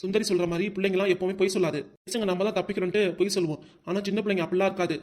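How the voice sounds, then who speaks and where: A man with a Tirunelveli Tamil accent voicing a calm husband who reasons with his wife in a cartoon. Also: high-pitched, racing, lightly acted. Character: calm husband and father, takes children's side.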